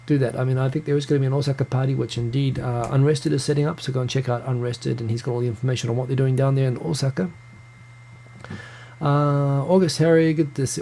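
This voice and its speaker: Streaming casually from a room in his Tokyo home, this New Zealander in his thirties has a mellow mid-range voice with vocal fry, plus a little hiss or hum on the audio. He works through viewer comments in a chatty way, restarting often and greeting people by name.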